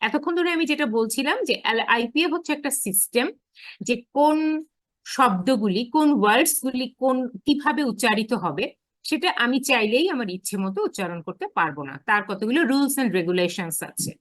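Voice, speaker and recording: A woman giving a lecture on phonetics, drawing out her English phrases slowly and explaining quickly in between. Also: fairly high pitch, animated, dry recording. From Bangladesh. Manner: switches between careful slow English and brisk Bengali explanation. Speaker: university English teacher.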